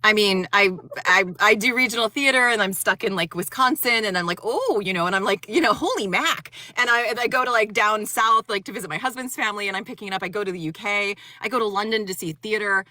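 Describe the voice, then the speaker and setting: A woman's voice: mid-range voice, fast talker, bright, forceful tone, no echo, studio quality. A woman from Maryland, a narrator and actor, chatting in an interview and telling rambling stories with lots of laughter. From Maryland, USA. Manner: chatty, rambling storyteller who laughs often. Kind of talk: casual interview chat.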